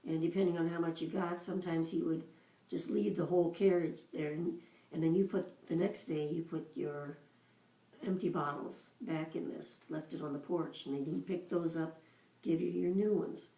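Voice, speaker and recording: Older lady slowly telling old family memories, lowish mellow voice, roomy echo. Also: steady tone, recorded from a distance. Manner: unhurried storytelling with pauses. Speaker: mother recalling childhood. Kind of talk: casual reminiscing.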